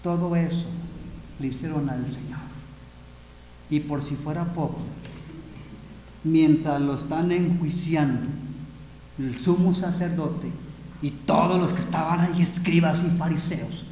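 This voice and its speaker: Male Mexican pastor, dramatic sermon, high voice, echoing hall with faint noise. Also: a little slow, pauses often, dark tone. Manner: dramatic, addresses listeners as brothers. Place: seminary hall. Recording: echoey hall with long reverb, faint noise.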